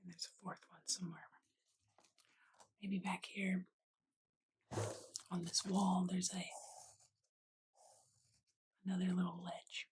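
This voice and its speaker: Close to a USB condenser microphone, an ASMR art channel host of indeterminate sex murmurs short phrases while unhurriedly describing a drawing. The whisper is soft and breathy, medium in pitch and level in tone, taking its time with long pauses. Pen scratching, clicks, and hiss come through the noisy recording.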